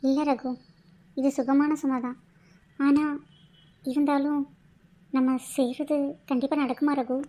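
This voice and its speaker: A woman voicing an anxious, devoted young woman in love in a cartoon, speaking in a soft, heartfelt, pleading way. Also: high-pitched, little pitch movement, measured pace, pauses often. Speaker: voice actor. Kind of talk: cartoon voice acting.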